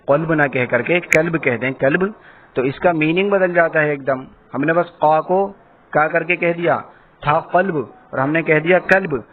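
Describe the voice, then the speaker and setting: A man giving an online Quran reading lesson. He spells syllables out slowly, then explains at a brisk pace. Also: mid-range voice. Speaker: Quran teacher. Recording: tinny phone-like audio with faint hiss.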